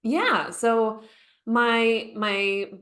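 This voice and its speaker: A woman, a therapist who is a podcast guest, telling her story in a lively way and playfully acting out remembered lines. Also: on the high side, drawn-out words. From United States. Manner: lively storyteller who acts out quotes with laughter. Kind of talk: conversational storytelling interview.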